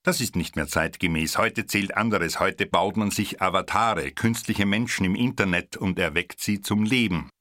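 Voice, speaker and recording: A man reading a Christmas story aloud in a calm, measured way. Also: deep voice, dry recording, clean studio sound. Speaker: narrator.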